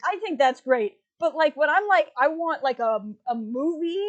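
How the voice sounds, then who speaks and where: A woman's voice: high-pitched, animated, normal speed, highs cut off. Chatty woman hosting a livestream. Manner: chatty, filler-heavy, laughs easily. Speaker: livestream host. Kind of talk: casual chat.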